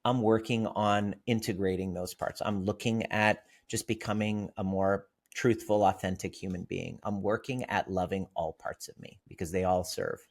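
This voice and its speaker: A man's voice: low voice, steady tone, normal speed, hardly any pauses. A man, a therapist guest on a podcast interview, explaining ideas through vivid stories and examples.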